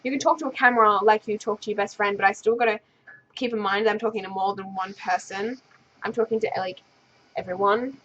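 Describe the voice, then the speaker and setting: Talking casually to camera from her bedroom, a young woman vlogger answers viewer questions without a script, tripping over words, starting over and wandering onto tangents. Her mid-range voice is a bit bright, fairly even in intonation and slightly quick. The sound is dull, with a little background noise.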